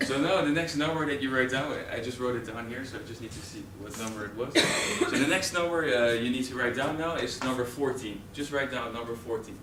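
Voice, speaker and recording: A young man with a Dutch accent presents live to a training group in a mid-range voice, a little fast with few pauses, and a crowd can be heard behind him. He falters with many fillers and restarts. Roomy, noisy audio from a distant camera captures the training room and audience.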